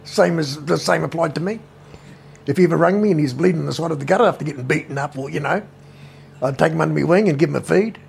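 A heavily gravelly, rough-edged man's voice sitting a touch high for a man. He speaks with a New Zealand accent and looks to be in his fifties. He tells rambling family anecdotes bluntly, with swearing all through. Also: fast talker, a little mellow, slight background noise. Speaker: interviewee, brother. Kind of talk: casual storytelling interview.

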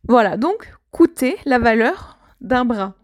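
A woman with a high voice teaches an idiom to learners. She talks slowly and clearly, with patient explanations and many small fillers. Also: lively intonation. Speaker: French teacher.

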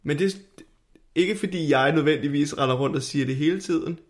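A man, chatting casually as a podcast co-host. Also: a little high. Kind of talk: casual chat.

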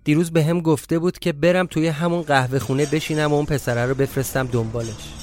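A man's voice: on the high side, fairly even intonation, darkish tone, soft background music. A man reading a first-person audio drama story in a confiding way, his speech breaking into flustered outbursts at tense moments. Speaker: narrator and reader.

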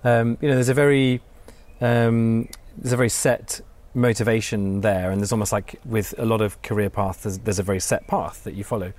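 A man's voice: on the low side, steady tone, normal speed, few pauses, darkish tone. A man hosting a podcast interview, asking meandering, tentative questions in a casual chatty way.

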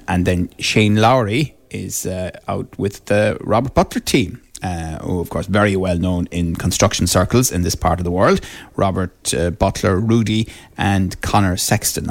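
Deep-voiced Irish male radio host. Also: vocal fry, no echo. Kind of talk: live, conversational sports radio presenting.

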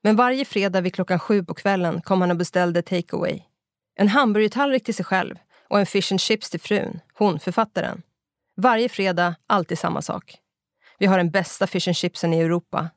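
A man's voice: sits high, dry recording, studio quality. A reader voicing a middle-aged Scottish pub owner, a chatty man with a Scottish accent who mixes English phrases into his talk. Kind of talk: audiobook character voice.

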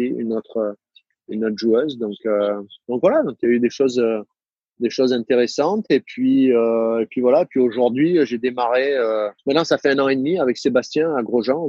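A man's voice: medium pitch, darkish tone, slightly rough, no room sound. A man coach answering interview questions, hesitant, with many fillers and restarts. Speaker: tennis coach. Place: United States. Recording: dull lo-fi dry sound.

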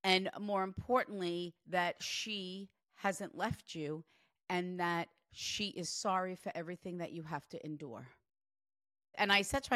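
A woman's voice: lowish voice, no room sound, clean studio sound. A woman in her forties working as a psychic medium, talking chattily with lots of "like" through a reading. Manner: chatty, animated, peppered with "like". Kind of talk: spirit reading session.

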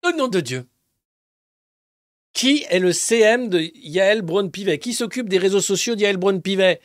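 A man hosting a press review, talking in a casual, mocking way. He swears freely and swings between loud outbursts and muttered asides. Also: sits high, moderate pace, no room sound, studio quality. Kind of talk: casual sarcastic press commentary.

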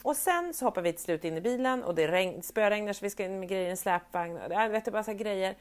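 Woman, thirties, podcast co-host, casual chat, animated storytelling. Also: mid-range voice. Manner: animated storyteller who acts out quoted family members.

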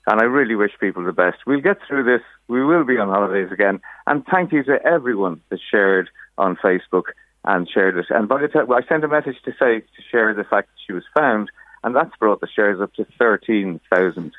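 A man's voice: fairly low pitch, expressive, brisk, no room sound. Irish guy in his sixties phoning a radio show, chatty storyteller, narrow tinny line. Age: 60s. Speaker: radio phone-in guest. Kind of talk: casual anecdote telling. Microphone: phone call.

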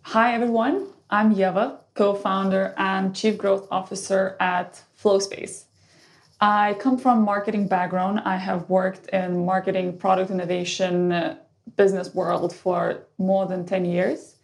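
A Lithuanian woman in her thirties, a startup co-founder, introduces herself conversationally on a podcast, restarting sentences midway. Her medium-pitched voice shows little pitch movement, is unhurried and has some vocal fry.

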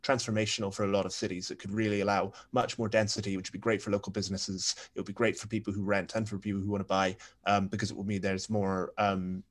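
A man's voice: fairly low pitch, little pitch movement, quick pace, few pauses. A young man, a podcast guest, talking through his points wryly with many fillers. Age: young adult. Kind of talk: panel discussion.

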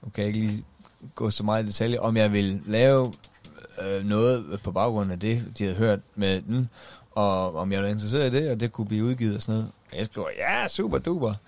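A man's voice: lowish voice, steady tone, a little mellow. A man co-hosting a casual podcast, telling a wry story about the entertainment business. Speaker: podcast co-host.

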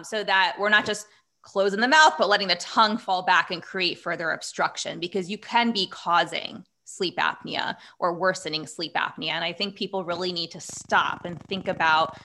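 A woman's voice: on the low side, moderate pace, sharp tone. A woman guest expert explaining earnestly in casual conversation, with frequent fillers.

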